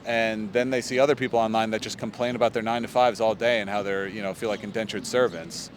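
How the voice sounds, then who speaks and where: A man in his thirties giving his opinions in a casual street interview, animated and quick with asides. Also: fairly low pitch. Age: 30s. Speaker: podcast guest. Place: city street outdoors. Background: faint traffic.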